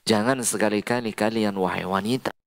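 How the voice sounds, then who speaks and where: A man preaching a mosque sermon to women, reciting Quranic verses slowly and explaining with sudden high emphatic calls, with an Indonesian accent. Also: steady tone, vocal fry. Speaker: Islamic preacher.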